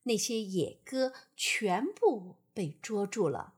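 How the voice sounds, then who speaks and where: Gentle woman storyteller, breathy and slow, sing-song pitch for a bedtime read. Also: big pitch swings.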